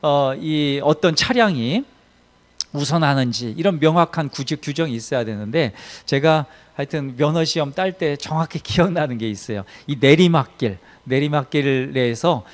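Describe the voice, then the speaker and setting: A man preaching a Sunday sermon as pastor, telling a story with emphatic swings in loudness. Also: fairly high pitch, normal speed.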